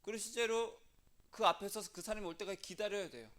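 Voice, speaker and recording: Male pastor preaching, chatty, keeps asking the crowd questions, voice a bit on the high side. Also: fast talker, a bit bright. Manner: conversational, asks the congregation questions; acts out prayers and quoted speech in a changed voice. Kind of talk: sermon.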